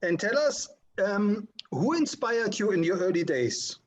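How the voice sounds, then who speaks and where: A man hosting an interview, asking polite, measured questions. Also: high-pitched, very animated. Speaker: interviewer, host.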